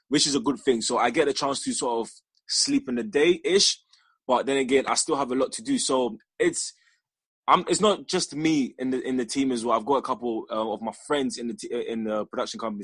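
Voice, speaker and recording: A young man from Ghana talks about his film company in a relaxed interview, his voice a little husky and close-miked with almost no room around it. He rambles, restarts his sentences and laughs easily. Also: medium pitch, no echo. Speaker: filmmaker guest. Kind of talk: casual interview chat.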